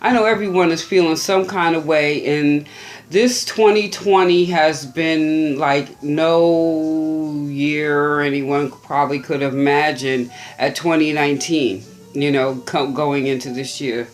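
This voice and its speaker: A tarot reader giving a gentle, unhurried birthday reading to viewers, musing aloud and restarting phrases. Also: mid-range voice, steady tone.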